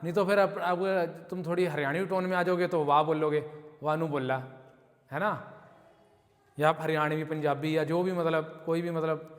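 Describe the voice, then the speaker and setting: A man's voice: on the high side, in a large hall. A man with an Indian accent teaching an English class in Hindi. He works through English example sentences and keeps checking in with his students. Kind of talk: classroom lesson. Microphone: camera recording the class.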